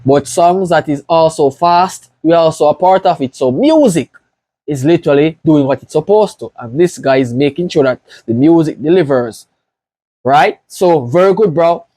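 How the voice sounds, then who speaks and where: A man from Jamaica with a Jamaican accent, hosting a casual reaction video and gushing with excited praise as he talks to his viewers. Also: on the high side, normal speed, dry recording.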